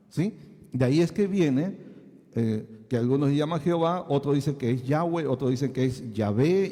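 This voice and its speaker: Male pastor, sermon teaching, mellow voice, somewhat high, checks in with listeners often, long hall reverb. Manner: asks the congregation many checking questions.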